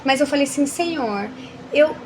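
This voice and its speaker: A woman's voice: high-pitched, normal speed, a loud crowd. A Brazilian woman talking casually as a mentor about faith and family, acting out quoted dialogue. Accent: Brazilian Portuguese. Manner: animated, acts out quoted dialogue. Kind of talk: casual faith-based chat.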